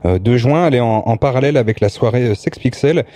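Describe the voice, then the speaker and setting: A man's voice: mid-range voice, fast talker, mellow, dry recording. A man hosting a radio interview in a casual way, hesitant with many fillers and restarts. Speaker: radio host.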